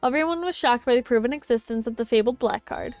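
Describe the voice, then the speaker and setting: A woman's voice: fairly high pitch, quick pace, darkish tone, no room sound, soft background music. A woman streamer reading a game story aloud as narrator, stumbling and correcting herself at times. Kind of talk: dramatised game narration with casual asides.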